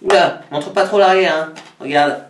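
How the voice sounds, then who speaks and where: Speaking at a normal pace in a slightly high voice, this man shows off a stack of games and counts them out loud. He hosts a flea market video, chatting informally with a southern French accent, and the live unboxing is recorded in an echoey, noisy room at a distance from the mic.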